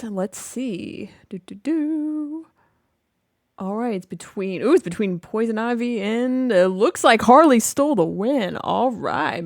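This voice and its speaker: A woman's voice: medium pitch, no echo. Woman host, casual commentary, dry sound. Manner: enthusiastic fan, exclaiming. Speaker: video host. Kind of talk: casual reaction commentary on game audio.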